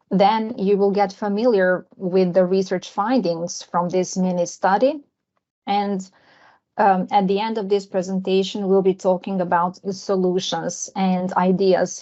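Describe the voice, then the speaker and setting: A woman from Serbia, an English teacher, giving a friendly conference presentation over a video call, often pausing with fillers. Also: mid-range voice, a little mellow. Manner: friendly, with frequent filler pauses. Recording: dull lo-fi video call audio.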